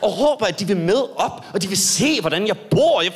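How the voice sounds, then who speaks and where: Lively, high-voiced male stand-up comic. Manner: animated storytelling, jumps into high yelps for punchlines. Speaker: stand-up comedian. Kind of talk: stand-up comedy set. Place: live comedy stage.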